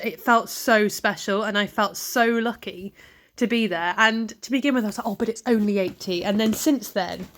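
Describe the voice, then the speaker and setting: Chatty woman narrating her riding footage. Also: mid-range voice. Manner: chatty, rambling, lots of ums. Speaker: vlogger and event rider. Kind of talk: casual voice-over over riding footage.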